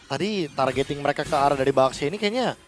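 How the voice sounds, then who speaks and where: A man's voice: fairly high pitch, animated, quick pace, soft background music. A man giving casual, explanatory match analysis as an esports caster. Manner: explanatory, informal.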